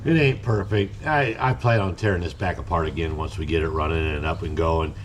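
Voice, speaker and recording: A deep-voiced man talks his way through a repair job in his garage, plain-spoken and rambling, stopping and restarting as he works. A faint hiss of noise sits under his voice. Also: brisk. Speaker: hobby mechanic and channel host. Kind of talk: casual narration while working on a car. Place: home garage.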